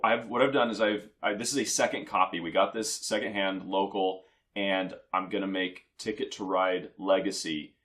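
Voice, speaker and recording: A man's voice: sits low, steady tone, normal speed, fairly bright tone. A young man co-hosting a casual chat in a rambling, wry way that often interrupts itself. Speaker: co-host.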